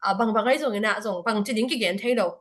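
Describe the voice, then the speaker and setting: A woman's voice: fairly high pitch, rapid-fire, fairly bright tone. A woman speaking at a church prayer fellowship service, giving a spoken report to the congregation with frequent hesitation fillers.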